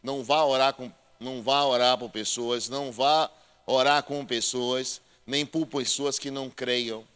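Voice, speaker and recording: A male pastor preaching a sermon, joking with the congregation and calling them brother, swinging between loud proclaiming and quiet asides. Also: mid-range voice, fairly even intonation, a little slow, smooth. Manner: addresses listeners as brother.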